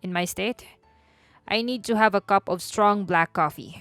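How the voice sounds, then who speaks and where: A woman's voice: medium pitch, measured pace, fairly bright tone, no echo, faint music behind. A woman voicing a hungover, grumpy rich young man who speaks curtly and coldly in a storybook reading. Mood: irritated. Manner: curt, cold and commanding.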